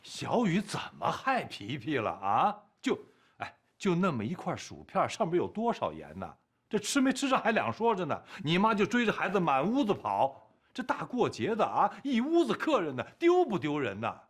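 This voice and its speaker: Casting: a blustering rich husband, lively pitch, slightly husky. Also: male voice, moderate pace, exaggerated voice. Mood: indignant. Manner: blustering, bossy. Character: wealthy middle-aged father, domineering, blustering husband. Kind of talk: TV drama acting.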